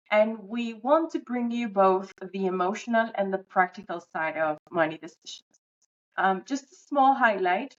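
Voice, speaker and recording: In this slightly dull, lo-fi recording, a podcast co-host from Venezuela chats casually and explains things with an easygoing manner. She's in her thirties and speaks at a middle pitch.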